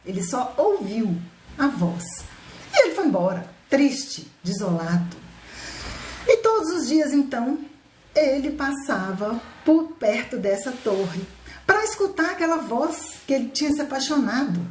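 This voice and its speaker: A woman telling a fairy tale live to her viewers, animated and chatty, often laughing. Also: high voice, unhurried, slight background noise. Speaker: storyteller. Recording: roomy echo.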